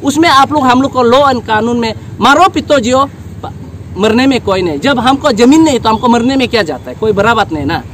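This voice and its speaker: A man's voice: extremely high pitch, expressive, brisk, a bit bright, a little hiss or hum. A village council leader speaking emphatically at an outdoor press briefing, pressing his appeal with rising force.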